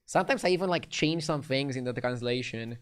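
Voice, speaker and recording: Clear and resonant at medium pitch, a young man with a light Romanian accent speaks a little fast as he plays a card game on stream. He is laid-back and chatty, replying to his viewers' chat between plays.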